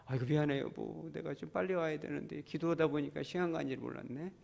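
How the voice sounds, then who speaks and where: A man voicing a gentle, loving young wife who speaks softly and apologetically to her husband. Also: fairly high pitch, fast, gravelly. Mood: tender apologetic. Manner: soft, apologetic, tender.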